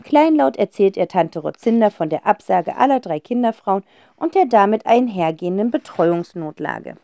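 A woman narrating a children's audiobook with a lively, expressive reading. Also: mid-range voice, moderate pace, creaky, dry recording, studio quality.

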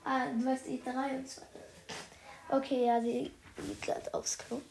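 A woman's voice: sits high, little pitch movement, unhurried, gravelly, darkish tone, slight background noise. Chatty woman reading aloud, roomy sound. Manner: chatty, addresses viewers as "Leute", youthful slang. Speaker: streamer reading a book aloud. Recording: roomy echo.

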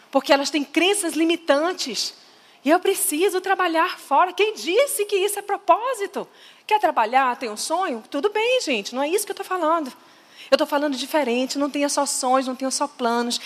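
A woman preaching to women in a lively, emphatic way, often asking the audience questions. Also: high voice, long reverb tail. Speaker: speaker at a women's faith conference.

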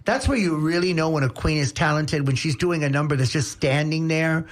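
A woman's voice: low voice, fairly quick. A woman speaking like a campy drag queen in a casual radio interview, sassy and emphatic, repeating herself to drive points home. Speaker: drag performer and former pageant competitor, interview guest.

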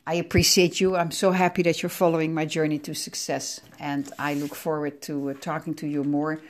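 Her delivery is flat and fairly quick, in a low voice. She's a middle-aged Dutch-accented woman from the Netherlands hosting a chatty, rambling solo podcast, often self-correcting, while nursing sore, aching ribs.

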